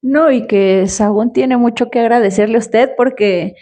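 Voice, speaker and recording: A woman's voice: a little high, moderate pace, warm tone. A woman hosting a podcast interview, asking respectful, somewhat hesitant questions with many fillers. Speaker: podcast host.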